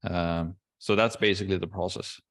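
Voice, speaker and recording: Man, lowish voice, course host, relaxed step-by-step explaining, video call. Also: moderate pace. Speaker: course host answering questions. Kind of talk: casual Q&A call.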